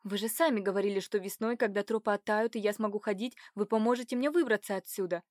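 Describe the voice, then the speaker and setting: A woman voicing a naive, cheerful eighteen-year-old noblewoman with a bright, eager manner. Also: medium pitch, fast talker, no echo, clean studio sound, close to an everyday voice. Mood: pleading, indignant.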